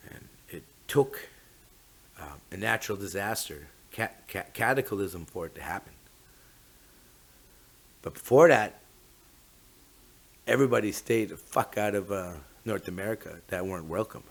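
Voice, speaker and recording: A man's voice: on the low side, animated, moderate pace, vocal fry, long pauses. A man with a Mi'kmaq First Nations Canadian English accent giving an informal, reflective, rambling talk, often tagging his phrases with "eh". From Mi'kma'ki, eastern Canada. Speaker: host of a talk on traditional teachings.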